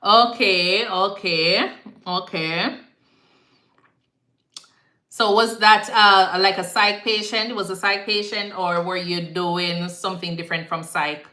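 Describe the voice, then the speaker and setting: This nurse with a Jamaican accent chats her way through viewer comments on a casual live stream, recorded in an echoey room. Her mid-range voice stays steady and slow, pushed and bright. Talkative and repetitive, she drops into patois phrasing from time to time.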